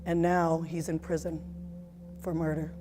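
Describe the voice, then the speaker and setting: A woman in her forties giving a personal testimony as a mother, speaking in an earnest, emotional, halting way. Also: deep voice, level tone, noisy background.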